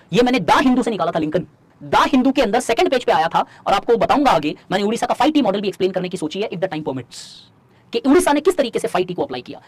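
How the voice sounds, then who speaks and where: A man teaching an online exam-prep class. He talks fast, asks the students rhetorical questions, and slows right down to dictate lines for them to write. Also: high voice, breathy edge, no echo. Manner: fast in Hindi, slow dictation in English. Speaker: civil services exam teacher.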